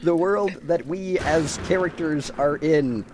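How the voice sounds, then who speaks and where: A man's voice: on the high side, slow. A man co-commentating on a video game in casual, joking banter. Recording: clear background noise with clicks.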